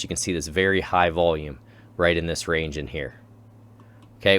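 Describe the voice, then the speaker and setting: A man hosting his own channel, talking casually through chart analysis and repeating key terms as he explains. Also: low-pitched. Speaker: crypto channel host.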